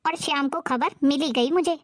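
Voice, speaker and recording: A woman's voice: high voice, moderate pace, close to an everyday voice. A woman playing a harsh, superstitious middle-aged mother-in-law who scolds in a bossy way, in a homemade moral-story drama. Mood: accusing. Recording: music clearly behind the voice.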